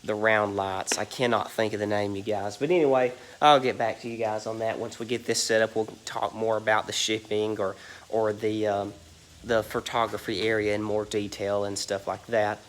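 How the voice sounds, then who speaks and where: Against slight background noise, a man with a lowish voice and little pitch movement talks at a moderate pace. He's a reseller walking viewers through a big warehouse, rambling, saying "um" and "you guys" a lot, his voice stuffy and nasal from allergies.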